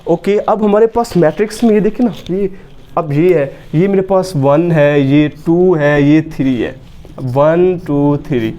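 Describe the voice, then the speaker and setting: A man with a high voice and a mellow, relaxed tone teaches math at a whiteboard. He walks through each step and keeps asking the class rhetorical questions before he answers them himself. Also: unhurried, lo-fi sound.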